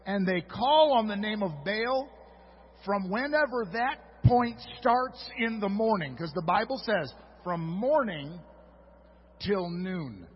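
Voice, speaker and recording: High-voiced joking preacher in a hall. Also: male voice, breathy edge. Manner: humorous asides to the congregation. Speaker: pastor. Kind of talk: sermon. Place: church sanctuary. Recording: dull audio with long hall reverb.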